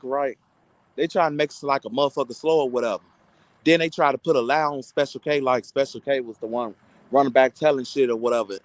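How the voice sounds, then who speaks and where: A man's voice: on the high side, no echo, low-quality recording. A content creator, a man, delivering a heated, insulting, mocking rant to his online audience.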